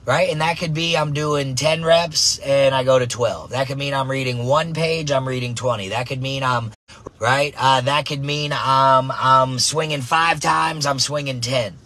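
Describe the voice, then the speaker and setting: A man coaching softball who talks in an energetic motivational monologue, tagging his points with "right?" and "man", recorded in a car. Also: medium pitch, a little slow.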